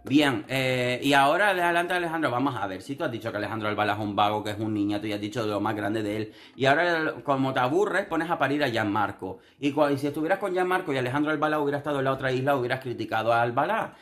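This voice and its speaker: A man's voice: medium pitch, fast, few pauses, fairly bright tone. A young man with a Canarian Spanish accent giving sarcastic, theatrical commentary on a reality show. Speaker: TV commentary vlogger.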